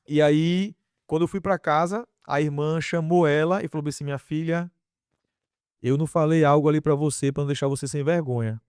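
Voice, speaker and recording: A man giving a casual faith testimony on a podcast, telling his story with lively acted-out dialogue. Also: on the high side, clear, resonant tone, dry recording, clean studio sound. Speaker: podcast guest.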